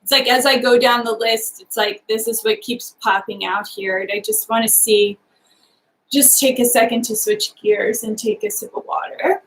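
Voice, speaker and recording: Psychic medium, woman, slightly high voice, soft and hesitant, lots of "um"s, live reading. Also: steady tone, poor audio. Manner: hesitant, halting, many fillers; speaks gently in first person for the sitter.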